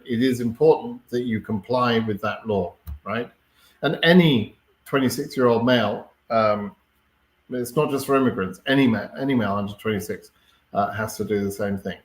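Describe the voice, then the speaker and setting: A man hosting a live question-and-answer stream, explaining things in a relaxed way and often checking in with "right?" and fillers. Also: fairly low pitch, normal speed, reverberant. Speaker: host answering viewer questions. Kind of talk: live Q&A chat.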